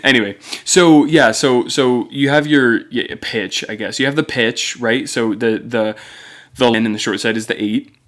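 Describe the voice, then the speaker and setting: A man's voice: mid-range voice, moderate pace, fairly bright tone. Casual, rambling male podcast co-host. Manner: informal, rambling, searching for words. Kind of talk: casual chat explaining a pen-and-paper game.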